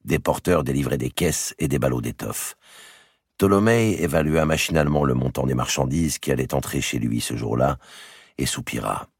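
A man reads a historical novel aloud in a dry close recording. His voice sits very deep and has a husky, gravelly texture, while his pitch moves with lively expression. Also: normal speed, dry recording. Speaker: audiobook narrator. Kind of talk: scripted narration of a historical novel.

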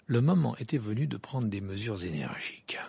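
An amateur audiobook reader telling the story with a lively, animated voice that rises and falls widely. The tone is husky and raspy, with a gravelly edge. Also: mid-range voice, brisk. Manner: lively reading that slips into laughter.

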